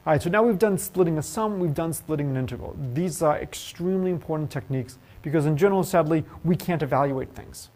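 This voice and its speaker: In a lecture hall, a male math professor teaches a university class in a slightly high voice. He speaks quickly with few pauses, staying lively as he poses questions to students and cracks jokes.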